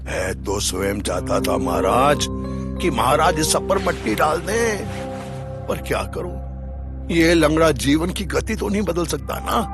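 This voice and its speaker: A sly, drawling lame prince. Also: male voice, a little high, expressive, unhurried. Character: scheming lame middle-aged prince, sly and bitter. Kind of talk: television mythological drama. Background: background music.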